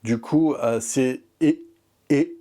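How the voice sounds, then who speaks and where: Dude asking questions casually, friendly, kinda mellow dark voice. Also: male voice, medium pitch, slow. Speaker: interviewer. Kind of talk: casual interview.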